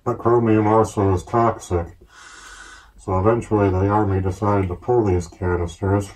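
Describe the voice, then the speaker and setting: A man speaking through a gas mask, explaining gear in a steady, plain-spoken, casual show-and-tell way. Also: lowish voice, moderate pace, poor audio. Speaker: collector reviewing military gear.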